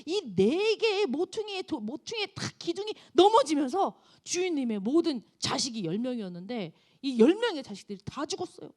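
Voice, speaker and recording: A woman preacher voicing a panicked male servant who rushes in with terrible news, pleading and high-pitched. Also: sing-song, darkish tone.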